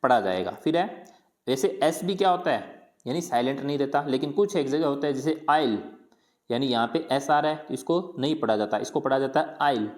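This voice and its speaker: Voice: mid-range voice, animated, a little fast, a little mellow. Patient teacher drilling pronunciation. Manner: asks a question, then answers it with repetition; colloquial, patient drilling of words. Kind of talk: explanatory lesson.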